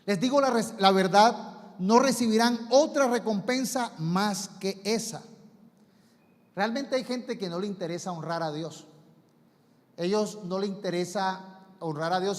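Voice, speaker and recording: A man's voice: high-pitched, unhurried. A man preaching a sermon as pastor, emphatic, stretching key words and mimicking showy prayers. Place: church sanctuary. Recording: long hall reverb.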